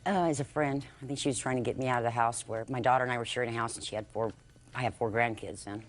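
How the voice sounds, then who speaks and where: An older woman with an extremely low voice testifies in a TV court. She answers haltingly and meekly, readily agreeing. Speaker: plaintiff in a TV court case.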